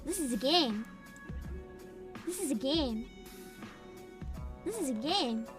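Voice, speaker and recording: A woman's voice: expressive, takes it slowly, loud music behind the voice. A woman streaming a game through a voice changer, giggling and swearing while she chats casually. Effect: voice changer raising the pitch. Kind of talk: casual gameplay commentary.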